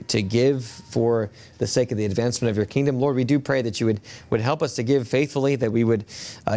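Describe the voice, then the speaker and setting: A male pastor preaching a sermon at a pulpit microphone in a church. He reads scripture in a measured way and often halts with fillers when he speaks freely. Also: medium pitch, a little mellow. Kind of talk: sermon with scripture reading and prayer. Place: church sanctuary.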